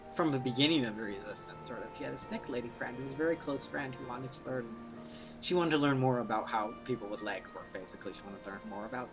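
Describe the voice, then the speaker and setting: A man giving casual gameplay commentary, musing aloud in a rambling way. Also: medium pitch. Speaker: game streamer. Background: music.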